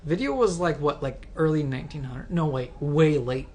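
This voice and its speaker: A man's voice: fairly high pitch, lively intonation, normal speed, crowd noise. An easygoing man co-hosting a podcast in casual chat, agreeable and full of fillers. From United States. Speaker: podcast co-host.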